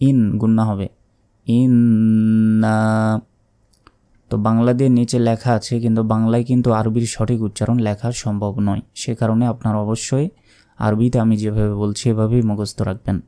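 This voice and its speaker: A man teaching prayer recitation, drawing out each word slowly between quick explanations. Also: lowish voice, mellow. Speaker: religious teacher. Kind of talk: recitation lesson.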